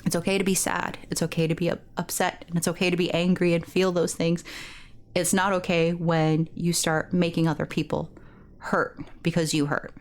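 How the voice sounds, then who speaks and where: A woman with a lowish voice and little pitch movement hosts a video game let's play at normal speed. Her commentary is casual, candid, slangy, and informal, and she reads game dialogue aloud. There's noticeable background noise.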